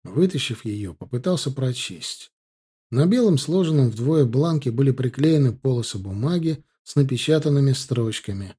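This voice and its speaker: A man reads a first-person novel aloud in a wry, chatty way. His intonation moves a lot, and the voice is mellow and slightly husky. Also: mid-range voice, animated, normal speed. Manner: wry, conversational storytelling. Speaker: audiobook narrator.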